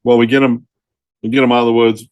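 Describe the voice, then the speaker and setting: A man's voice: medium pitch, quick pace, muffled recording, faint music behind. A middle-aged man, a retired forest ranger, telling rescue stories in a casual interview, often laughing mid-sentence and acting out what people said. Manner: lively storyteller who laughs mid-sentence and acts out quotes.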